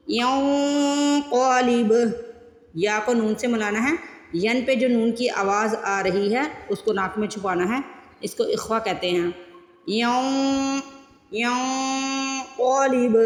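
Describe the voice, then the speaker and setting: A woman teaching Quran recitation, chanting verses slowly and drawn out, then explaining each sound step by step. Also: medium pitch. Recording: roomy with long reverb.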